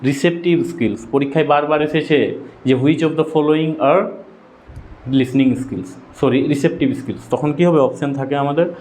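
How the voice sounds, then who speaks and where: A man's voice: a little high, measured pace, a little mellow. A man with a Bengali accent giving an exam-prep lecture, asking questions and answering them himself, correcting his own slips aloud. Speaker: teacher.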